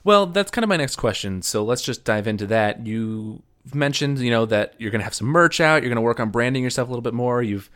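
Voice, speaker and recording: Easygoing male interviewer, mid pitch. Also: lively intonation, fairly quick, hardly any pauses, a bit bright. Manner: friendly, brief affirmations, laughs along. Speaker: interviewer, podcast host. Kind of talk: casual interview.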